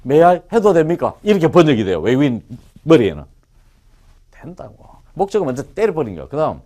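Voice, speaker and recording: Animated male English teacher lecturing. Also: on the high side, fairly quick. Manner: animated and joking, quizzes the class. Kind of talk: lively classroom lecture.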